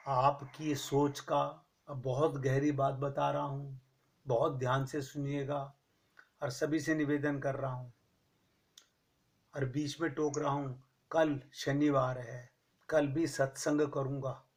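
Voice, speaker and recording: A man giving a slow, measured spiritual discourse to a gathering, stressing his points with rhetorical questions. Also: mid-range voice, flat delivery. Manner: recites verse slowly. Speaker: spiritual teacher. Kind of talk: Hindi satsang discourse.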